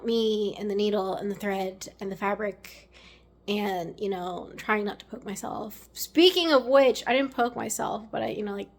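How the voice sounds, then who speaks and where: A young woman vlogger talks casually to her camera at home, rambling with fillers and slipping into whispered asides. Her voice is medium-pitched and a little raspy.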